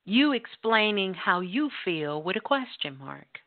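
A woman's voice: medium pitch, big pitch swings, measured pace. A woman radio host delivering a blunt, emphatic talk monologue with casual swearing. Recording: tinny phone-line sound.

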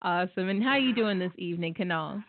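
A woman's voice: fairly low pitch, quick pace. A woman hosting a casual call-in interview show, addressing her listeners as loves. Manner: warm affectionate address, calls listeners loves. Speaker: podcast host. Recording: tinny phone line.

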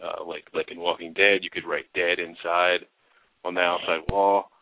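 A man's voice: deep voice, level tone, normal speed, a little hiss or hum. A man hosting a casual advice chat, stressing key words by repeating them. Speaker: talk show host. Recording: narrow phone-like sound, dry.

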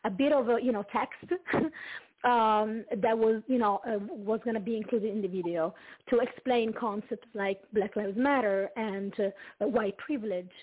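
A woman's voice: medium pitch, slightly rough. Italian woman on a tinny call line. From Italy. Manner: halting, many fillers and restarts, light laughs. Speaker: guest singer-songwriter. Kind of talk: casual interview chat. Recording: tinny phone-like call audio.

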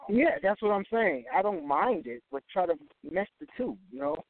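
A man's voice: high voice, animated, moderate pace. A man calling in to a radio show on the phone from his car while he drives. He is earnest and repeats points for emphasis. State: driving while on the call. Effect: phone call from a moving car, muffled. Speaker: caller. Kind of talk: casual call-in chat. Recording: muffled phone line from a car.

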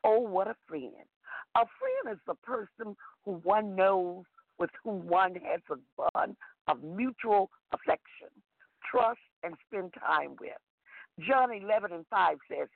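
A woman prophetess reads scripture and preaches a devotional, her voice gravelly and husky. She lilts through each phrase in a lively sing-song and keeps coming back to a refrain. The sound is dry and thin, like a phone line. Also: mid-range voice, no room sound.

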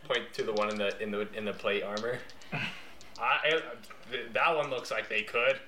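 Man as a humble griffin farmer, bright voice. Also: lowish voice, fairly even intonation, pitched below the performer's own voice. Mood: hesitant. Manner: halting, humble, apologetic. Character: meek, simple griffin farmer, polite and hesitant. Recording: echoey room, faint noise.

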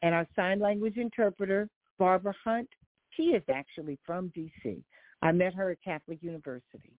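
This time the older Philadelphia singer talks fairly quickly, her voice still on the low side with no echo. Chatty and warm on the call-in radio show, she lists details and leans on lots of fillers, heard over a dry, tinny phone connection.

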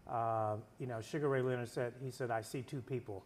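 A man's voice: mid-range voice, steady tone, brisk, a little hiss or hum. A man hosting an interview, asking long rambling questions and backing the guest with constant short affirmations. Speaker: interview host. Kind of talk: casual interview talk.

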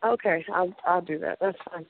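A woman's voice: lowish voice, normal speed, crowd noise. Earnest young woman on a phone line. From Fort Worth, Texas. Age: young adult. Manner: earnest, devout, searching for words. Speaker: guest. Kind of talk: phone interview.

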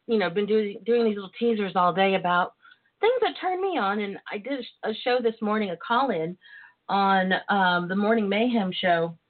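A woman with a Southern US twang hosting a talk show in a casual, sassy, flirtatious way, full of endearments. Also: medium pitch. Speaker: podcast host. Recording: tinny phone-line internet radio sound.

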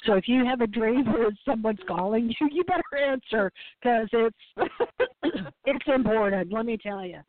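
A woman's voice: on the high side, brisk, no echo. A woman talking casually and emphatically about spiritual matters in a folksy, joking way, her voice a bit congested from pollen. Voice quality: congested, often clearing throat. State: voice affected by pollen. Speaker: guest intuitive medium and card reader. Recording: muffled phone-like line.

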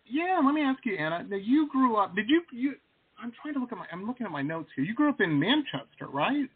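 High, lively male host, tinny line. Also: fast talker. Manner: enthusiastic, rambling, with slang. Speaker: podcast host. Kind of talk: casual interview chat.

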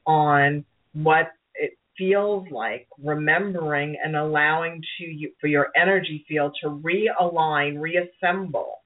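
A middle-aged woman from Brooklyn, New York, hosts a call-in show, offering casual spiritual advice in a rambling, encouraging manner and often repeating herself. Her Brooklyn-accented voice sits low and moves slowly with few pauses. The sound is narrow and phone-like.

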